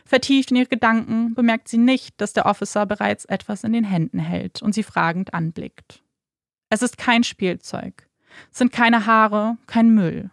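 A woman narrating a true-crime podcast in a measured, dramatic storytelling manner. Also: on the high side, vocal fry, no room sound, studio quality.

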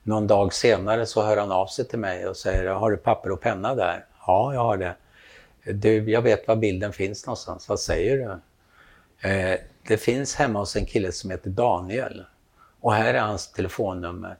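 A man tells a story in a low, gravelly voice. He acts out the quoted lines, and his voice climbs and gets louder when he plays the other people in the story. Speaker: storyteller, photographer. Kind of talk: casual anecdote telling.

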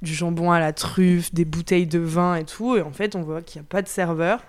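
A young woman speaks in a slightly low voice. She chats informally as a podcast guest, the way one does among friends. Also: fairly even intonation, a little fast. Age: 20s. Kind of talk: casual chat between friends.

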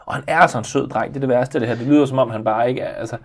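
A man, chatting casually as a podcast co-host and acting out his stories. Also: medium pitch. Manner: animated storyteller, acts out scenes in a raised voice. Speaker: podcast co-host, father of a toddler. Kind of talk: casual chat.

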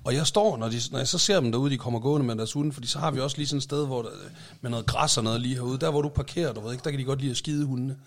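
A man in a loose podcast chat. His voice has a gravelly fry, and he talks in a teasing, swear-heavy way, often restarting his sentences. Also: medium pitch, hardly any pauses. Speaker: podcast co-host. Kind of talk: casual chat.

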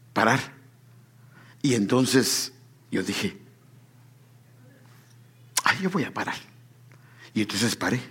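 A man's voice: medium pitch, husky. A man preaching a sermon and telling his own testimony. He keeps calling the listener brother and builds up to emphatic exclamations.

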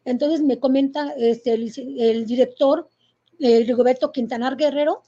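Middle-aged Mexican woman, interviewee, high mellow voice, halting emotional telling, muffled lo-fi sound. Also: steady tone. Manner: halting and emotional, with many fillers and restarts. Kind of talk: personal testimony. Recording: muffled lo-fi recording.

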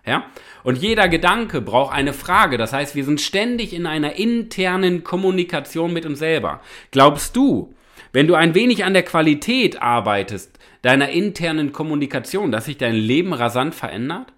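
Lively, emphatic motivational podcast man. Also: a little high, moderate pace. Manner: emphatic, repeats "ja?" to the listener. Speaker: podcast host and motivational coach.

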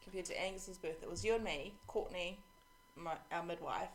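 A woman's voice: fairly low pitch, moderate pace, slight background noise, low-quality recording. A woman with an Australian accent hosting a podcast in an informal, conversational chat style. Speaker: podcast host. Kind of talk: casual chat.

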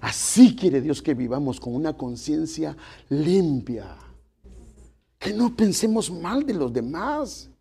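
A man's voice: a little high, sing-song, slow, vocal fry, mellow, breathy edge. A middle-aged man, preaching a folksy sermon to his congregation and addressing them as brothers. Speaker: pastor.

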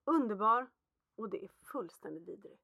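A mother chatting casually, telling animated stories from home and acting out quotes. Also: mid-range voice, vocal fry, no echo, studio quality. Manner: animated storytelling, acts out quotes. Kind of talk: casual chat.

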